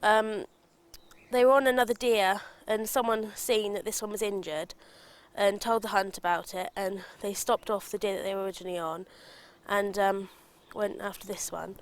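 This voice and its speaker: A woman's voice: medium pitch, steady tone, normal speed. A woman giving an informal, matter-of-fact spoken explanation.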